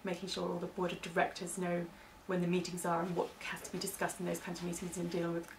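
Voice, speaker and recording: Her voice is on the low side, monotone and fast: a British woman explaining legal terms as the interviewee in a training interview for staff. She keeps things informal and loosely hedged, peppering explanations with "kind of." The recording comes from a distant mic with faint background noise.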